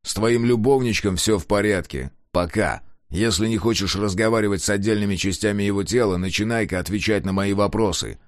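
A man's voice: on the low side, a little fast, hardly any pauses, no echo, studio quality, lightly acted. A man voicing a brutal, short-tempered male mercenary, cold and menacing in an audiobook.

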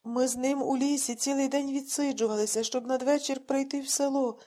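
A woman's voice: high voice, steady tone, fairly quick, dark tone, pitched above the performer's own voice, lightly acted. A woman voicing an old blind male bandurist who is breathless and pleading with worry. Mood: anxious telling. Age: older.

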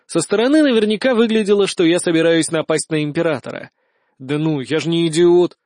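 A man narrating a first-person audiobook in a lively, ironic storytelling manner. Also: on the high side, fairly quick, dry recording, clean studio sound.

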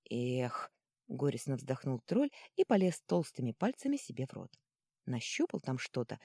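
Woman reading a fantasy story, low mellow voice, lots of lilt, dry close sound. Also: slightly rough, dry recording. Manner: lively, expressive reading. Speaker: audiobook narrator. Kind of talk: scripted fantasy narration.

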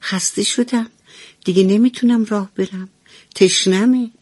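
A woman's voice: medium pitch, steady tone, darkish tone, no room sound, pitched above the performer's own voice, lightly acted. A woman voicing a small, timid baby mouse in a children's bedtime radio story. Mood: whiny. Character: little scared baby mouse, whiny and curious.

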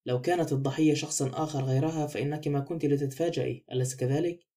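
A man reading the lines of a fussy, thoughtful middle-aged male detective in an audiobook, in a measured, reflective way. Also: a little high, steady tone, dark tone, close to an everyday voice. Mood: calm, probing.

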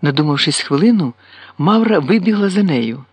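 A man reading a classic novel aloud, with measured, expressive narration. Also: a little high, breathy edge, no echo. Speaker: audiobook reader.

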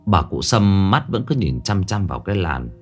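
A man with a low voice narrating a ghost story, his pitch rising and falling in a lively, dramatic way. Faint music plays underneath. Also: moderate pace.

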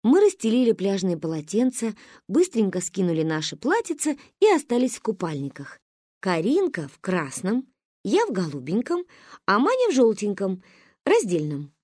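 Expressive woman narrating an audiobook. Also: mid-range voice, moderate pace, dry recording, clean studio sound. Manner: expressive, storytelling.

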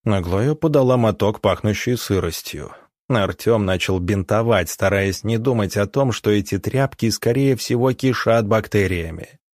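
Low-voiced male audiobook narrator. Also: moderate pace, darkish tone, no room sound, studio quality. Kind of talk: scripted narration.

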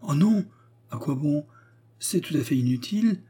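A man's voice: on the high side, animated, moderate pace, dark tone, husky, voice pushed up. A man voicing a spirited young independent woman in an audiobook, impulsive and earnest. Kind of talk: audiobook character reading.

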